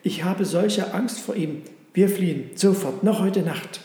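A man's voice: a little high, a little fast, creaky, warm tone. A man reading as an anxious, firm young mother. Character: worried, determined young mother. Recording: roomy with long reverb.

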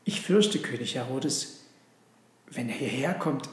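A man voicing Maria, a gentle young mother, in a soft, pleading way. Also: medium pitch, expressive, unhurried, close to an everyday voice. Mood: anxious. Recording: roomy echo.

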